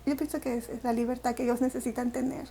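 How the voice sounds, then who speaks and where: A Salvadoran woman with a Salvadoran Spanish accent is interviewed about her own life. Her high voice carries a soft, mellow warmth, though her delivery stays flat. She reflects as she talks, filling pauses and restarting sentences often.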